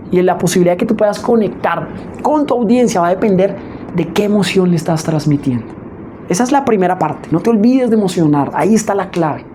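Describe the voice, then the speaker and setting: A woman teaching public speaking in a spoken lesson, expressive and often checking in with her listeners. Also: lowish voice, slight background noise. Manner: expressive, demonstrates emotions with her voice; frequent checking "¿sí?" asides.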